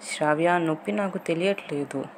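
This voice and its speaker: A woman voicing a friendly, teasing young man in an audio love story, in her own low voice. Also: moderate pace, slight background noise, lightly acted.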